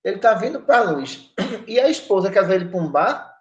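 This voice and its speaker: A woman's voice: mid-range voice, animated, moderate pace. A woman lectures firmly as a spiritual counselor, scolding and driving her points home with tag questions. The recording is roomy and muffled. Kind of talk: spiritist study podcast talk. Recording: roomy, dull lo-fi sound.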